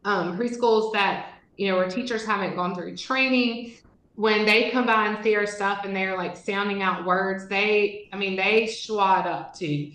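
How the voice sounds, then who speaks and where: A woman's voice: medium pitch, steady tone, a little slow, fairly bright tone. Conversational woman literacy trainer with lots of fillers, recorded in an echoey room. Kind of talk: teacher training presentation.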